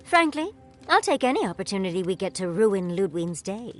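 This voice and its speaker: An actress playing a witty, teasing adventurer companion in a fantasy video game. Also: female voice, mid-range voice, sing-song, a little fast, soft background music, natural voice. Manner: dry, teasing humor.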